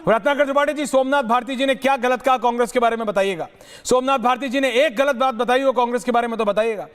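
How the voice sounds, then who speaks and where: A woman anchoring a heated TV debate, forceful and combative, dropping English phrases into her talk. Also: a little high, fast.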